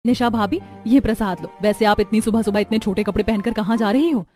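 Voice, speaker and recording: A woman voicing a modest, gentle young village bride in a cartoon story, speaking softly and politely. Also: mid-range voice, brisk, faint music behind, natural voice. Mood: meek. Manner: soft, polite. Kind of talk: cartoon voice acting.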